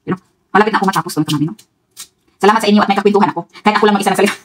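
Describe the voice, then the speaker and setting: Fast-talking Filipino woman vlogger. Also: medium pitch. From Philippines. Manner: rambling, talks straight to viewers, frequent laughs. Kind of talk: chatty cooking vlog monologue. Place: home kitchen.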